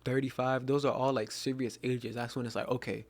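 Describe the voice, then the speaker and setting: A man's voice: medium pitch, level tone, a little fast. Earnest young man giving life advice. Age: 20s. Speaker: self-improvement content creator. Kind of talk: casual motivational monologue.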